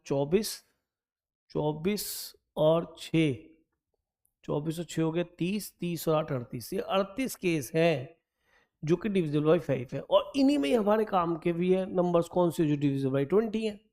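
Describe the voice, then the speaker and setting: This man's voice is a little high and warm as he teaches maths, guiding students through an exam problem on the board step by step. He coaxes them in mixed speech, calls them beta, and thinks aloud while counting.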